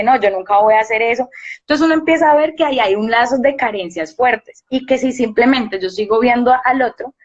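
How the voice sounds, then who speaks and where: A woman's voice: on the high side, muffled recording. A young woman, a university teacher talking earnestly and reflectively as a guest in a casual live-stream chat. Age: young adult.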